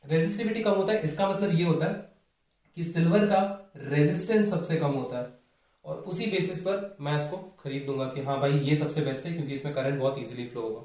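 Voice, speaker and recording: Male tutor, higher pitch, step-by-step explainer; very echoey room, mic set back. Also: brisk, darkish tone, distant mic. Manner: explains step by step, checks in with "ठीक है" and "है ना". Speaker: physics teacher. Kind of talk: whiteboard lesson, Hindi mixed with English.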